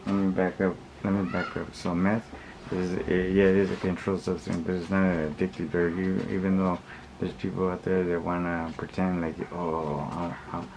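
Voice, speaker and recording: There is clear background noise around this man's voice. He has a low, monotone delivery. He rambles through his opinions in blunt street slang, often circling back and repeating himself. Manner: rambling, repetitive, halting, often backtracking. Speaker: vlogger. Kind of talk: casual opinion monologue to viewers. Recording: clearly noisy recording with background ambience.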